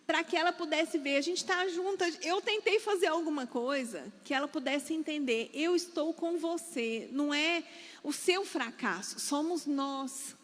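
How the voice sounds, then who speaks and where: Brazilian woman preacher, high voice, long echo in a big church hall. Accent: Brazilian Portuguese. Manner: lively storytelling, acting out quoted voices. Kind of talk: church talk telling a personal story.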